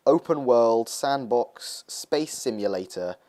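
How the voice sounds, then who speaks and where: A man's voice: medium pitch, lively intonation, slow pace, warm tone. A young man talking casually over gameplay footage, rambling with lots of hesitations as he hosts his gaming video.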